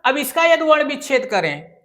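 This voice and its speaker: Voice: high-pitched, big pitch swings, moderate pace, bright, forceful tone. A grammar teacher giving an exam-prep lecture, asking questions and answering them, repeating phrases and spelling words out syllable by syllable.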